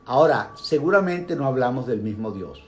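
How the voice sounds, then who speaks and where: An older man talks viewers through meditation in a relaxed, conversational way. His pitch swings widely as he leans into points and drops low for emphasis. The delivery is lively and direct, with playful asides. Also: moderate pace, faint music behind. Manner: animated, speaks directly to viewers, asides and vocal sound effects. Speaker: meditation talk host. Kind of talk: casual spoken talk on meditation.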